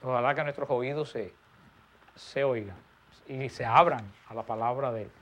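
A man preaching a sermon, stressing key words and letting his voice fall soft and low at the ends of phrases. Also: normal speed.

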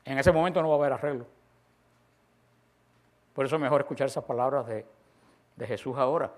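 A man's voice: medium pitch, fairly quick. A man preaching a sermon, dramatically acting out the voices of the prophets and of God. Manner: dramatic, acts out quoted voices of God and the people.

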